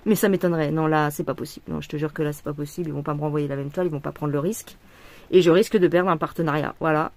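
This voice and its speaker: Her voice is low-pitched and darkish, with a steady tone and a quick pace. While embroidering for a casual vlog, she rambles, swears and lets off frustration, restarting sentences often and using lots of fillers.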